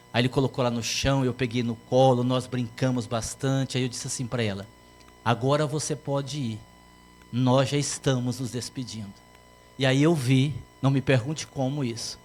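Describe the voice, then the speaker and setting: A man's voice: mid-range voice, a little hiss or hum. A man giving a lecture with humorous anecdotes at a spiritist center, a playful storyteller. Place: spiritist center meeting hall.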